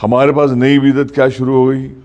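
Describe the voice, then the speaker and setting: A man teaching a recitation class in a mosque. He explains patiently, asks his students questions, and keeps a middle pitch. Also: completely flat delivery, a little mellow, muffled recording.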